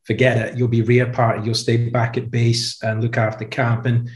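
Speaking at a moderate pace, this mid-pitched man in his 50s, an ex-commando guest on a podcast, swaps lively anecdotes in a casual chat and says "you know" a lot. The audio is from a webcam on a video call, recorded in an echoey indoor room with a brick wall.

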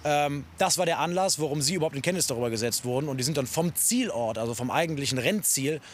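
An actor playing a composed, matter-of-fact police officer, explaining in wordy official language to camera in a TV police series. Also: male voice, on the high side, expressive, quick pace, slight background noise, natural voice. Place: outdoors beside a police car. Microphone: clip-on lapel mic.

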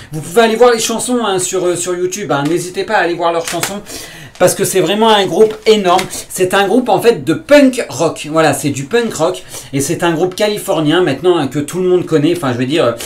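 A man with a fairly high voice talks to camera in a casual vlog, rambling with enthusiasm. He circles back on himself, repeats phrases and leans on fillers between points. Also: slight background noise. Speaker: vlogger. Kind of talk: casual unboxing vlog talk.

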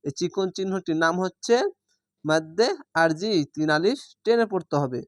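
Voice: medium pitch, moderate pace, dry recording, studio quality. A Quran reading teacher giving an online lesson, spelling out letters and vowel marks one by one and patiently explaining each recitation rule to the viewers. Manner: addresses viewers directly, checks understanding.

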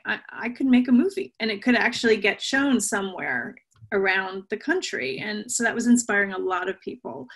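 A woman's voice: mid-range voice, fairly bright tone. This is a middle-aged woman speaking as a guest author over a video call from her home. Her voice sits in the middle of the female range, and her answers are reflective, loose and full of fillers, picked up through a laptop webcam. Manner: thoughtful, with frequent fillers and restarts. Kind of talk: conversational interview answers. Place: home room with bookshelves and shuttered windows.

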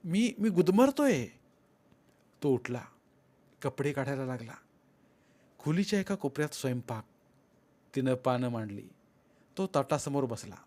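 A man narrating a literary short story in a measured, lyrical manner. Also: mid-range voice, a little mellow. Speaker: audiobook narrator.

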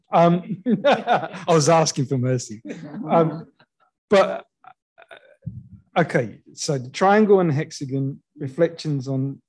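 A man's voice: medium pitch, darkish tone, breathy edge. A man moderating a panel discussion, with light joking asides. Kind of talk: panel discussion before an audience.

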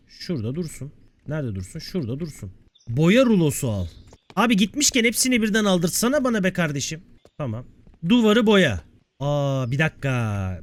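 An excitable man talks through a management game in loose let's-play commentary. His voice sits high and leaps around in pitch, and he banters and curses at what happens on screen. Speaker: gameplay video creator.

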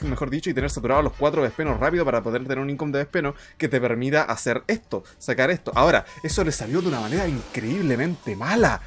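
A young man casting a strategy game replay in casual commentary, mock-solemn one moment and loudly disbelieving the next. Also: mid-range voice. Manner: excitable, mock-solemn, swings into loud disbelief. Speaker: game caster.

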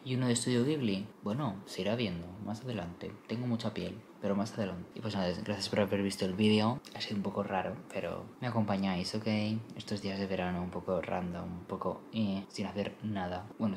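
A young man chats to his camera at home in a casual vlog. His voice sits fairly low and is picked up by a compact camera mic, with a faint hiss behind it. He is playful and self-mocking, dropping in English phrases as he goes. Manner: chatty, mixes in English phrases. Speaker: vlogger.

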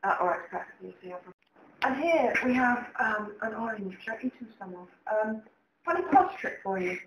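A young woman with a mid-range voice and lively intonation presents a mock cooking show demonstration at a brisk pace in her home kitchen. The kitchen sounds echoey, with faint background noise.

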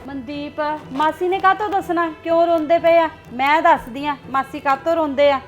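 A woman plays a scheming young woman in a family drama, high-voiced, who pries and spreads gossip. Her talk has a mocking, meddling edge. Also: moderate pace, highs cut off, faint music behind, lightly acted. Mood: telling. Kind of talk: Punjabi short film acting.

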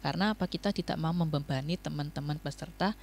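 Young man explaining calmly on radio. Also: fairly high pitch, slight background noise. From Indonesia. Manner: measured explanations with frequent fillers. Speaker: student club guest. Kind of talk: radio talk show interview.

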